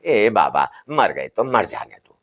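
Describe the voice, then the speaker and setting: A man's voice: lowish voice, sing-song, slow, a bit bright, heavily acted. A man voicing a blunt, scolding middle-aged merchant's widow. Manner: scolding, complaining.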